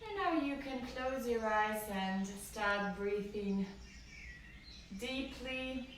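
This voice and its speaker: A yoga teacher leads a live-streamed class from a room at home, guiding gently in a slow, calm voice that is a little high. A camera picks her up from a distance, so her voice sounds far off in an echoey room with faint noise.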